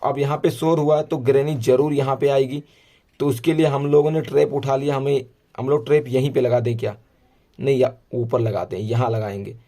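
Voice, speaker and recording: A man giving casual, chatty commentary over a horror game he is playing, calling the viewer brother and getting excited at game moments. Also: medium pitch, brisk. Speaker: gameplay commentator. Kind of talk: casual let's-play commentary.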